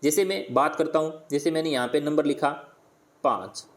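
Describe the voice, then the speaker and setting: A man teaching primary pupils, slowly repeating words and sounding them out, asking questions and answering them himself. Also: fairly high pitch. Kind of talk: worksheet lesson for primary pupils.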